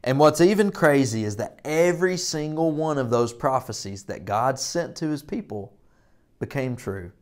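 A man's voice: medium pitch, expressive, moderate pace, darkish tone. A man in his thirties giving a children's Bible lesson in a broad, singsong presenter style with emphatic repetition and call and response. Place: indoor children's church classroom. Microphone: lapel mic.

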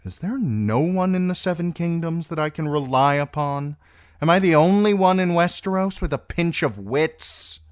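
In an audiobook, a narrator voices a proud, impatient, scheming queen with an imperious, cutting, scornful manner. The medium-pitched voice swings widely in pitch, is slow and a little mellow, and is pitched above the performer's own. The clean studio sound has no room noise.

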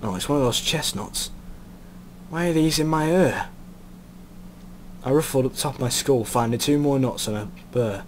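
A man's voice: mid-range voice, normal speed, pauses often, a little hiss or hum, natural voice. A man voicing a plain-spoken young country lad with a Northern English accent while reading a visual novel aloud. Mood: puzzled. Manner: rough Ned-Stark-like northern delivery.

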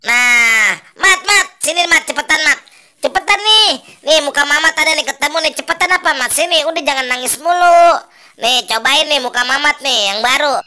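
A woman's voice: high-pitched, moderate pace, sharp tone. A woman voicing Toing, a lazy, grumbling male ondel-ondel puppet who teases his crying friend. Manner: grumbling, teasing, bossy.

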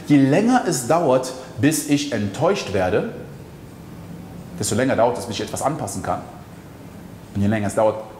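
A male mindset coach delivers an emphatic motivational monologue, pressing the listener with direct questions. His voice sits at an ordinary middle pitch. The recording is roomy, with a long hall reverb and faint ambience behind him. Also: darkish tone, a little hiss or hum.

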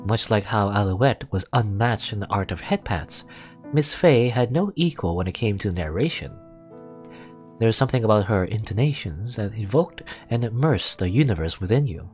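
Hosting a let's play, this man reads a visual novel aloud over background music in a low-leaning, slightly mellow voice that is animated and moderately paced. He tosses in asides and occasionally trips over words before correcting himself.

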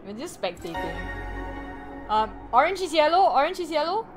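Excitable young woman streamer, lively voice. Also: sits high, normal speed. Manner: excitable, gasping, repeats herself. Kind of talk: excited live game commentary. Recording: music playing behind the voice.

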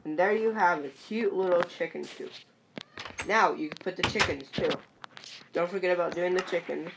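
A woman with a low, gravelly voice talks slowly through a game tutorial. She gives patient step-by-step instructions and often checks in with the listener. There is clear background noise with clicks behind her. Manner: patient instructions, repeats "perfect" and "see?". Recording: noisy home recording with clicks.

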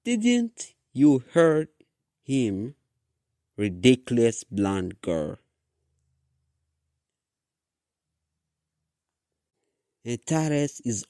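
A man voicing a spiteful young woman rival who growls her lines loudly. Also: mid-range voice, no echo, studio quality. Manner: growling, loud.

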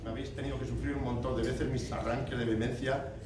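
A man's voice: mid-range voice, level tone, fast talker, recorded from a distance. A middle-aged man giving a heartfelt farewell speech at a podium, repeating phrases and adding asides. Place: large stone-walled banquet hall. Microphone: podium microphone, recorded by a far camera. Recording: echoey hall recorded from afar, noisy.

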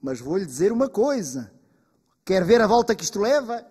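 A grumpy village husband, as a male storyteller plays him, gruff and quick to exclaim. His voice is mellow and husky, carried by the long reverb of a stage hall. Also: high voice, very animated, voice pushed up, heavily acted. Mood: fed up. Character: grumpy lazy village husband, easily startled.

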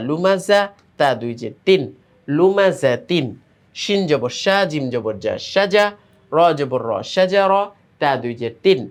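Male teacher, Bangladeshi accent, slightly high voice, patient sing-song spelling drills. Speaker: Quran reading teacher.

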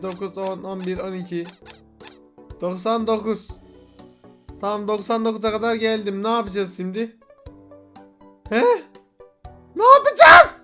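Young guy yelling at a silly game, high pitched, gets worked up fast, little bit of game music behind. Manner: excitable, swears and shouts in frustration. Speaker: gaming youtuber. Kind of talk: casual let's play commentary.

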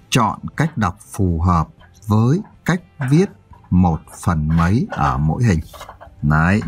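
A man's voice: low voice, slightly rough. A male teacher giving a primary school math lesson, counting aloud and asking his pupils check questions.

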